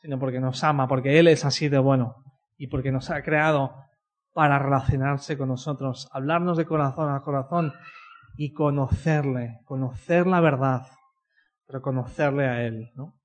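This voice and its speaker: A man's voice: mid-range voice, fairly even intonation, moderate pace. A man from telling a personal faith story in a conversational way, often ending his sentences with a questioning "no?". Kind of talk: personal testimony talk.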